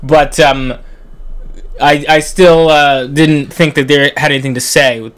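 A man co-hosting a casual movie-review chat, animated and sarcastic, often laughing and stumbling over his words. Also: a little high, measured pace. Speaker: podcast co-host.

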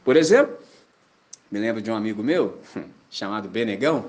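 A man's voice: on the low side, normal speed. A man with a Brazilian Portuguese accent preaching a sermon as a pastor, acting out conversations in shifting voices. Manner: animated, acts out dialogues in shifting voices.

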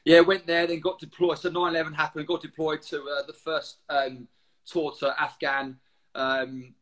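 A man in his forties with an Essex accent and a slightly high-set voice. He chats informally in an interview, telling stories in blokey slang with the odd swear word. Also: flat delivery, normal speed, fairly bright tone, rough recording. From Essex, England. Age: 40s. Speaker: guest, former military serviceman. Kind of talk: casual anecdotal interview chat.

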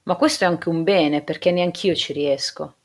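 A woman's voice: on the low side, normal speed. A woman reading the part of a troubled man speaking earnestly to his partner in an audiobook. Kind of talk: audiobook dialogue.

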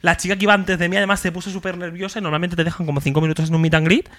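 High-voiced man telling a story. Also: racing. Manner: animated, acts out quotes with big jumps in pitch. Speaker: podcast co-host. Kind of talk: casual storytelling chat.

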